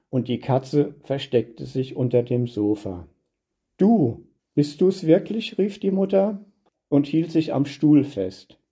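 A man calmly reading a story aloud in a measured storytelling manner. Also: medium pitch, slightly rough. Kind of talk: scripted narration.

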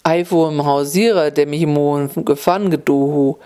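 A woman's voice: low voice, fairly even intonation, moderate pace, dark tone, clear, resonant tone, natural voice. A woman voicing a kind-hearted old woman who lives alone in the woods, speaking homely, sighing Upper Hessian dialect.

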